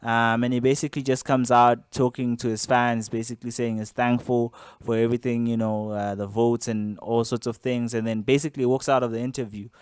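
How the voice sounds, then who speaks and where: A man's voice: medium pitch, flat delivery, brisk, hardly any pauses, smooth, no echo, clean studio sound. A young man casually recounting to camera something that happened to him at an interview, rambling along with lots of fillers and restarts.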